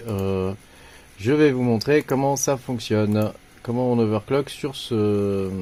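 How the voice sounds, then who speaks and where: A man's voice: medium pitch, darkish tone. Casual French man explaining BIOS settings. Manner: hesitant, many fillers and restarts; informal, slangy. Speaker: tech tutorial host. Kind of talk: casual screen-recorded tutorial.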